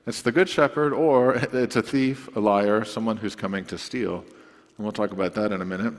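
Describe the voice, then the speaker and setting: A male pastor delivers a sermon in an easy, conversational manner. He drifts into playful asides, and his voice carries a long reverb from a large hall. His pitch sits in a middle range.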